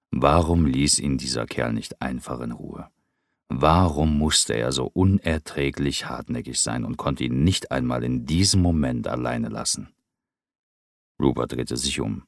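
A man reading an audiobook with measured, somber narration. His voice is extremely deep, with a gravelly creak running through it. The recording is dry and close, with no room around it. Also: no room sound.

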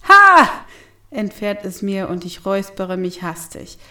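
A woman reading a comic first-person story aloud, wry and lively, with whispered asides. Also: mid-range voice, moderate pace. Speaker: audiobook narrator. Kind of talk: first-person comedic audiobook narration.

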